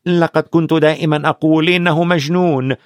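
A male narrator puts on a loyal, blunt schoolboy who rattles on eagerly. His voice is pitched up, in a dry, close recording. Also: steady tone, a little fast, dry recording, close to an everyday voice. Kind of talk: audiobook character voice.

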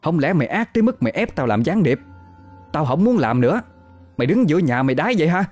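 A man's voice: medium pitch, very animated, a little fast, a little mellow, soft background music, pitched above the performer's own voice. A man voicing a spiteful old village widow who is secretly a flying-head ghoul, in a scolding tirade.

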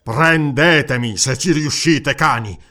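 A male audiobook narrator voicing a brash, boastful young barbarian warrior who talks boldly and defiantly, a little higher than his own voice. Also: expressive, fairly quick, lightly acted.

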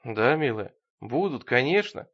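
A man's voice: medium pitch, sing-song, measured pace, husky, dull audio. A man voicing a scheming man who coaxes his fiancée in a falsely tender way. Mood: coaxing.

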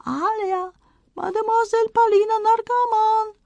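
A woman voicing a flustered high Frenchman. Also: huge pitch swings, normal speed, no echo, dull audio, heavily acted. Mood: earnest. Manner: broken grammar, eager, hasty. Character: flustered kind-hearted Frenchman, adult man. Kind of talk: audiobook character voice.

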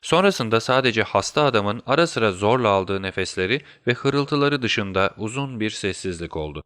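A man narrates a storybook in a measured, steady way. His voice sits a bit low, and the recording is dry with no room sound. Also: dry recording. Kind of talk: audiobook narration.

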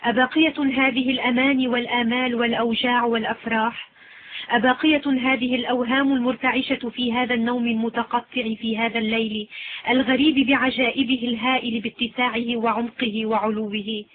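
An earnest young man asks searching, doubting questions, as a woman reads his lines. The voice stays fairly high. The sound is lo-fi and phone-like. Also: little pitch movement, a little fast, close to an everyday voice.

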